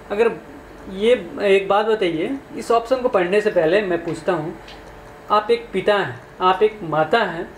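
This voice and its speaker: A man, teaching exam questions in a conversational way and asking his listeners questions. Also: sits high. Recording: echoey room, faint background noise.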